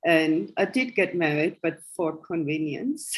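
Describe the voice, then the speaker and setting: Her voice is low-pitched and expressive, her pace slow. This German-accented guest in her sixties, originally from West Germany, recounts her life in easygoing conversation, frequently breaking into laughter.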